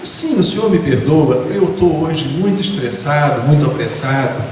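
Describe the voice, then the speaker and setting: A man voicing a stressed, apologetic male driver inside a story, in a slightly lower voice, in an echoey hall. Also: expressive, moderate pace, a little mellow, distant mic, a little hiss or hum, natural voice. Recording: echoey hall recorded from afar.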